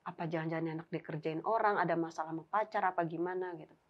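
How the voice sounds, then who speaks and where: A woman's voice: fairly low pitch, fairly even intonation, fast talker. A young woman, casually telling a story as a guest and often quoting herself and her friend. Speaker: guest telling a ghost experience. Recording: dull lo-fi recording.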